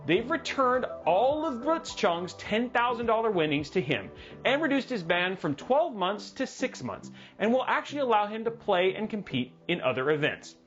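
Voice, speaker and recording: A man hosting a livestreamed tech news show, animated and jokey, with dramatic asides. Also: high-pitched, moderate pace, lo-fi sound. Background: music playing under the voice.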